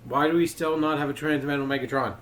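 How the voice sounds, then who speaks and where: Man, fairly high voice, casual toy review, rambling, filler words, faint background noise. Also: fairly even intonation, fast, fairly bright tone.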